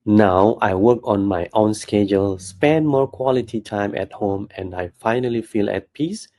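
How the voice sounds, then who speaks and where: A man with a fairly low voice speaks steadily and earnestly. He tells his own story as a testimonial. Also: moderate pace, mellow.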